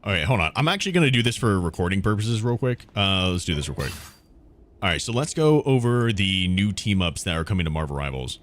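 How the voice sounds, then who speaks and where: A man with a low voice talks fast and very animatedly as he gives casual commentary on gameplay. He is a game streamer and video host, and loud game noise and clicking fill the recording.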